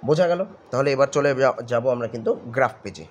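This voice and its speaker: পশ্চিমবঙ্গের বাংলা টানে একজন পুরুষ গণিত শিক্ষক ধৈর্য ধরে ধাপে ধাপে অঙ্ক বোঝাচ্ছেন আর বারবার জিজ্ঞেস করছেন ছাত্ররা বুঝল কিনা।. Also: male voice, medium pitch, lively intonation, fast talker. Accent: West Bengal Bengali. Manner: patient, keeps checking understanding with "got it?". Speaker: maths tutor. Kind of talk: step-by-step maths lesson.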